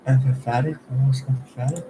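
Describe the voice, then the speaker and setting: A young man studying for an exam thinks aloud, quizzing himself under his breath and trailing off when he's unsure. His voice is medium-pitched and steady, moving at a moderate pace over some background noise.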